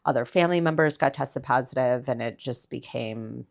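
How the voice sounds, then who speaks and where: A woman's voice: very deep voice, normal speed, creaky. A young adult woman talking candidly as a podcast guest, chatty and full of "like", blunt and casually swearing. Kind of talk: candid conversational interview.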